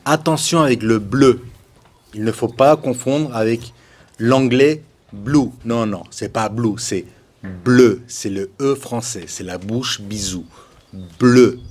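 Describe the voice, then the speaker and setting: A man gives a French lesson at an unhurried, deliberate pace, saying each color again and again so learners catch the sound. His pitch sits in an ordinary middle range, and now and then he slips into a relaxed, joking aside about the exceptions in the rules. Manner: repeats words for pronunciation drills, patient; chatty asides, shrugs off exceptions. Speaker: French teacher. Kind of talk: slow, deliberate language lesson.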